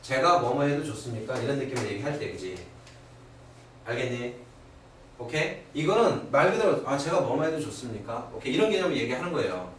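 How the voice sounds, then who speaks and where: Animated male teacher in echoey classroom. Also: mid-range voice, brisk. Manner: animated, keeps asking "그지?" and "오케이?". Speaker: English teacher. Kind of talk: classroom lecture. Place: academy classroom. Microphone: far camera. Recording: very echoey old classroom recording from far off, faint hiss.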